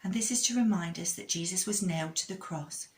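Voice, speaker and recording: Expressive woman, kids show host telling stories. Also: fairly low pitch, fairly quick, a little hiss or hum. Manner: kids show host, addressing children directly with questions and prompts. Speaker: children's storytime host. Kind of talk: children's storytelling with religious lesson.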